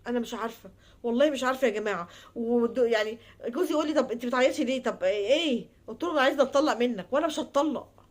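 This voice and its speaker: An Egyptian woman speaking in a heartfelt, pleading monologue before giving advice, repeating herself and trailing off into soft murmurs. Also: fairly high pitch, rapid-fire. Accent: Egyptian Arabic. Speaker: advice vlogger.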